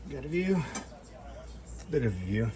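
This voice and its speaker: A man's voice: medium pitch, sing-song, measured pace, a crowd in the background. A man chatting casually as an outdoor vlogger while he works, a bit tipsy and loose, self-deprecating and salty-tongued. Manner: tipsy, loose drinking talk. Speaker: outdoor vlogger demonstrating fire starting. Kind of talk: casual rambling chat while doing a task.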